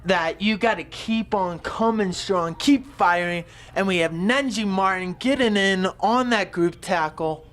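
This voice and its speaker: Male football commentator, high voice, slow and rambling, excitable. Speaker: color commentator. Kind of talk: live sports commentary.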